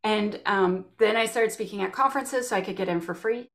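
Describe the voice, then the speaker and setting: A Canadian woman, a guest in a casual interview, telling stories with lively acted-out quotes. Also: medium pitch, a little fast. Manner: animated storytelling, acts out quotes.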